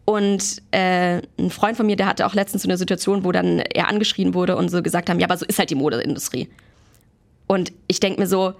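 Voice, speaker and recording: A woman's voice: on the low side, fairly even intonation, fairly quick, creaky. A young woman, chatting as an interview guest and mixing in English phrases. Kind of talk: casual interview chat.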